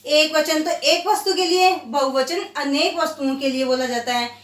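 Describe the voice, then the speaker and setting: A woman teacher giving a grammar lesson to children, slowly repeating example words and answering her own questions. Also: high voice, a bit bright, far from the mic. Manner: slow, drawn-out repetition of example words; asks questions and answers them herself. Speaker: school teacher. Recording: echoey room, voice set back from the mic.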